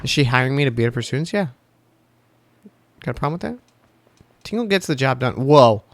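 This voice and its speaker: Joking around with viewers during a game stream, this man in his thirties talks a little fast and sounds animated. His mid-range voice is captured in a dry recording.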